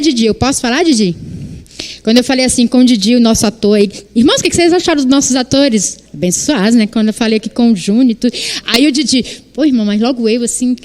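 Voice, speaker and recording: A woman in her thirties with a Brazilian Portuguese accent, preaching a church sermon and acting out quoted dialogue. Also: high-pitched. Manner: animated, acts out quoted dialogue.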